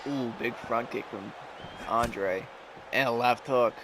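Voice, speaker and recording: A man's voice: medium pitch, slow, background noise. A man giving sports commentary, introducing fighters and calling the action.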